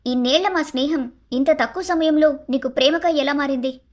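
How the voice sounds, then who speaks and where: Cartoon story: a woman as a blunt, scolding young wife, high voice. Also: a little fast, close to an everyday voice. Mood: indignant. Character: young married woman, sharp-tongued and feisty. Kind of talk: Telugu storybook cartoon dialogue.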